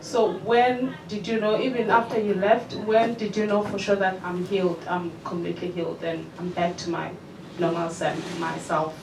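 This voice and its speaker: A woman's voice: fairly low pitch, level tone, moderate pace. A woman moderating a book launch, asking careful, probing questions. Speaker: event moderator. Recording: distant and echoey with room noise.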